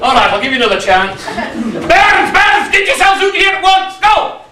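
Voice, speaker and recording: A man's voice: very high-pitched, very animated, slow pace, a crowd in the background, exaggerated voice. A man playing a brash Scottish pantomime dame. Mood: cheeky. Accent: put-on Scottish. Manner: brash, teasing, banters with the audience. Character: bossy, cheeky pantomime dame cook, middle-aged woman. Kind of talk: amateur pantomime stage acting. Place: village hall stage with live audience. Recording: echoey hall, far mic, audience noise.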